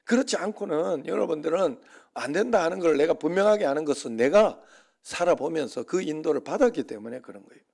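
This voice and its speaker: A man's voice: on the high side, lively intonation, fairly quick, gravelly, a little mellow. A man preaching a sermon as a pastor, telling stories with acted-out quotes and prayers and building to emphatic points. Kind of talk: sermon at an overnight service.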